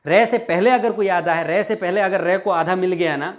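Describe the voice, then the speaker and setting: A man with a fairly high voice teaches grammar for exam preparation. He explains patiently, says example words again and again, and dictates rules word by word. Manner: explains patiently, repeats words slowly, asks students questions. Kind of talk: exam-prep lesson.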